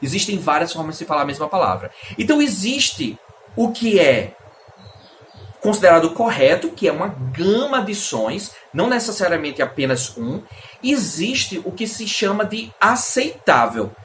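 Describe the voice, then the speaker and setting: Lively Brazilian man teaching. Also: sits high, normal speed, slight background noise. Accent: Brazilian Portuguese. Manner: lively explaining, asks and answers his own questions. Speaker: English teacher. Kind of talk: casual video lesson.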